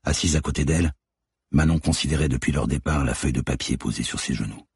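Male audiobook reader, extremely deep and breathy, dry booth sound. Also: fast, a little mellow, no room sound. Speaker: audiobook narrator. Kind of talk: scripted narration.

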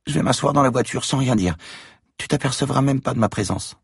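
A man's voice: a little fast, creaky, breathy edge, dry recording, clean studio sound. A man doing an eerie, menacing little girl. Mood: pleading. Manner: pleading and threatening in a high childish voice. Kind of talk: audiobook reading.

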